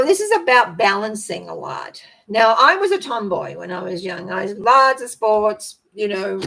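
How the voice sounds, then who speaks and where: An older woman with a hoarse, croaky voice that cracks and needs clearing. She hosts a spiritual talk on personal growth, chatting in a loose, rambling manner. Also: mid-range voice, a bit bright, poor audio. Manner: rambling, conversational. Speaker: host.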